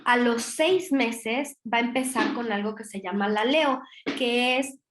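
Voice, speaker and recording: Woman, Mexican accent, lecturer, explanatory, frequent tag questions, somewhat high voice, echoey recording. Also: a little slow, background noise. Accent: Mexican Spanish. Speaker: lecturer on child language development. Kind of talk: virtual conference lecture.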